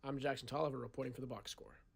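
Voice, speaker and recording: A young man delivers a scripted sports news report at a quick pace. His voice sits at a middle pitch. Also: fairly even intonation, creaky, slightly rough.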